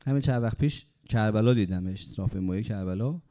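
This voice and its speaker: A man's voice: lowish voice, warm tone. A man preaching a sermon, telling stories and pressing his points with rhetorical questions. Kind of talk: sermon with anecdotes.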